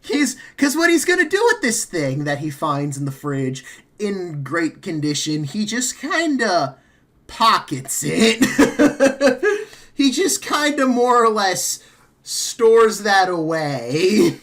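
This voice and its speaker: A man's voice: high-pitched, very animated, slow, fairly bright tone. Man, game master, tabletop game, casual, rambling, laughs often.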